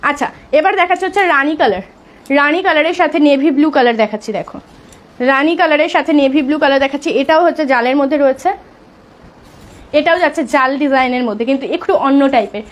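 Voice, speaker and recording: Her throat sore, a high-voiced woman speaks softly during a live saree sale, urging viewers to place their bookings fast.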